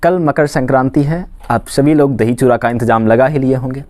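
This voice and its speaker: A man's voice: medium pitch, steady tone, a little fast, darkish tone, no room sound. A man from Bihar, teaching a maths lesson. He often asks a question and then answers it himself. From Khagaria, Bihar, India. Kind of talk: classroom lesson explanation.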